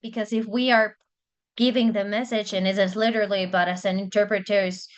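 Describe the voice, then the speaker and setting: A woman's voice: mid-range voice, flat delivery, brisk. A woman whose first language is Spanish, explaining church interpreting in casual talk, hesitant with many fillers and restarts.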